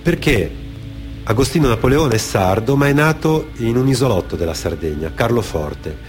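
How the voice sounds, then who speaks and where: Over background music, a Genoese man with a mid-range, expressive voice speaks at normal speed. As a theatre storyteller and author-performer on a radio theatre programme, he delivers dramatic stories, some off-the-cuff anecdotes and some read testimony, reflectively, at times halting and repeating phrases.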